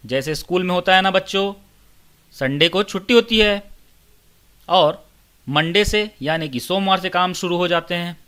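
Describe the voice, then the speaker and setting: A man teaching young children, reading a short English poem word by word and explaining it simply. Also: high voice. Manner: reads each English word slowly and deliberately; addresses children warmly and simply.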